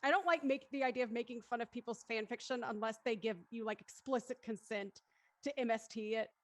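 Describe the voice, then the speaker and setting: A woman with a fairly high, brisk voice hosts the after-talk of a live web show. She moderates the casual discussion enthusiastically, thinking aloud in a wordy way.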